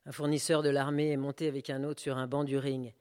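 A man reading a play aloud, giving the stage directions in an even, matter-of-fact way. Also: mid-range voice, a little fast, clean tone, big-room sound. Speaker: reader of a play.

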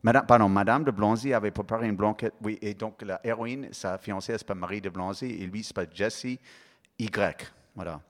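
A man's voice: lowish voice, fairly even intonation, brisk. A man with a foreign accent introducing and reading from his own novel, hesitant and correcting himself. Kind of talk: public reading with spoken intro. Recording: reverberant hall.

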